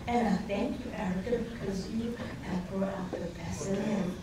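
A woman's voice: mid-range voice, fairly even intonation, normal speed. A middle-aged woman, the groom's mother, giving a tender, emotional wedding toast. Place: wedding reception hall. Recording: echoey hall, distant mic, loud background noise.

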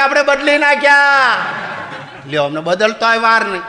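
A man telling comic folk stories on stage in a lively, high-pitched voice. His tone is bright and ringing. A long hall reverb trails every phrase. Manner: animated, switches into character voices for punchlines. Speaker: comedian. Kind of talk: stand-up folk storytelling.

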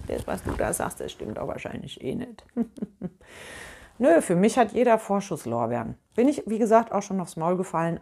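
Middle-aged woman, casual talk to camera; candid, animated, blunt slang, quick to laugh. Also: mid-range voice. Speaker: inspirational vlogger. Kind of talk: casual spoken monologue.

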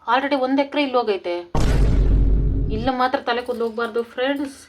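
Woman, rural Karnataka Kannada accent, chatty home cooking vlog, quick talker, roomy echoey room. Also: fairly high pitch, steady tone, far from the mic, over music. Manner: chatty, addresses viewers as friends. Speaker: home vlogger. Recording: roomy home room, off-mic, faint noise.

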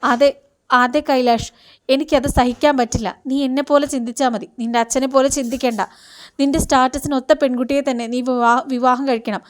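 Give me a woman reading as a proud scolding mother, clear and high. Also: steady tone, fairly quick, natural voice. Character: proud scolding rich mother, middle-aged.

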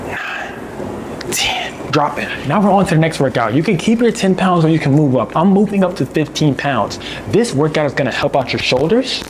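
A young man hosts a casual workout vlog, hyping viewers up with slang and counting out reps in a gym. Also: on the high side. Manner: hyped, slangy, coaching with rep counts. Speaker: photography vlogger and host. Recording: noisy gym ambience.

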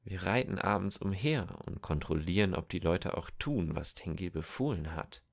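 A man's voice: low-pitched, expressive, normal speed, gravelly, no room sound, clean studio sound, full character voice. A man reading a cold soldier on horseback in an audiobook, condescending and lecturing.

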